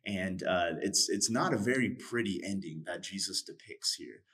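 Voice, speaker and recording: Low-voiced man retelling a parable. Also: moderate pace. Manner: earnest, animated storytelling with voiced quotes. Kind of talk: casual faith discussion, retelling a parable.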